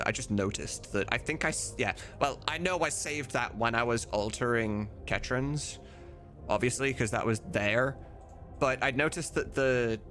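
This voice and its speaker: The modder chats casually on his stream, sweary and informal, muttering to himself as he works. His voice is medium-pitched and a bit bright, with music and keyboard typing audible behind it.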